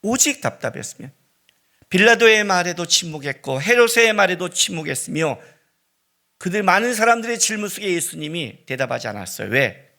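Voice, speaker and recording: A middle-aged man preaching a sermon as pastor, swinging between loud cries and hushed, near-whispered lines. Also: high voice, very animated, a little fast, creaky. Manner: dramatic preaching with sudden loud rises and hushed drops.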